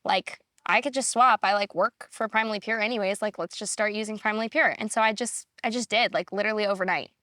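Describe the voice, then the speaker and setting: A young woman guest chatting casually on a podcast, filling her talk with "like" and quick asides. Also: mid-range voice, fairly even intonation, pushed and bright, dry recording. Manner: chatty, many "like" fillers. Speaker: guest, assistant. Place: farm, recorded on location.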